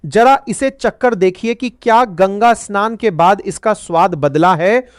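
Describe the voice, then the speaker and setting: A gentle old weaver-saint, patient and kindly, speaking softly in a narrated story, voiced by a woman. The voice sits mid-range and sounds dry and close, with no room around it. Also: mid-range voice, unhurried, no room sound, lightly acted. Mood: calm, kindly. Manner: soft-spoken, patient.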